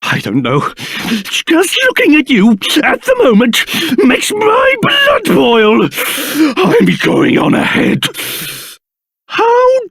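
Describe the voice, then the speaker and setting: A man voicing a pompous, excitable old cursed king in a video game, with a British accent and a theatrical manner that swings between grumbling and shrill outbursts. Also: takes it slowly, heavily acted. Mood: livid, huffy. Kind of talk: video game character voice acting.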